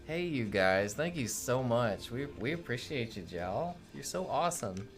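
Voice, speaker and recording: A man's voice: medium pitch, very animated, a little slow, faint music behind. A man co-hosting a gaming livestream, chatting casually and greeting viewers by name, often tripping over how to say them. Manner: upbeat, greets chat by name, stumbles on names. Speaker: streamer co-host.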